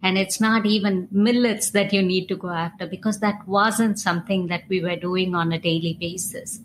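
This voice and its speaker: A woman's voice: on the low side, steady tone, normal speed, poor audio. Conversational woman host, faint background hum. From India. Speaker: podcast host. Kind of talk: interview conversation.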